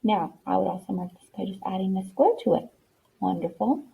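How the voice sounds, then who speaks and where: A woman's voice: mid-range voice, a little fast, creaky, warm tone, slightly rough. A woman teaching a spelling lesson, patient and encouraging, sounding out letters one by one. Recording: tinny lo-fi phone-like sound.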